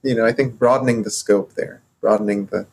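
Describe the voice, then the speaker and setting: A man from Morocco co-hosting a casual podcast discussion, talking in halting stops and starts with many fillers. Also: on the low side, steady tone, gravelly, a little mellow. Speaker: podcast co-host.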